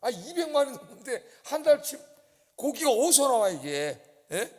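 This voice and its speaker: A male pastor with a high, lively voice that rises and falls widely as he preaches. He keeps throwing rhetorical questions at the congregation. His voice carries a long reverb from the church sanctuary. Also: normal speed. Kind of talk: dawn service sermon.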